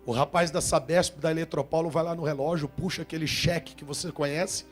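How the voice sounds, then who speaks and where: A man preaching a sermon, trading calls and responses with the congregation and swinging from hushed tones to shouts. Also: fairly high pitch, fairly even intonation, brisk, faint music behind. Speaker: pastor.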